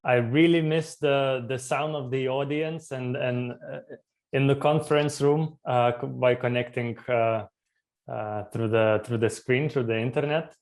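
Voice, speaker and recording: Man from Lithuania, co-founder presenting on a remote video call, halting delivery full of fillers. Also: mid-range voice, steady tone, darkish tone. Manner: halting, many fillers and restarts. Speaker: startup community co-founder presenting. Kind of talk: conference talk over video.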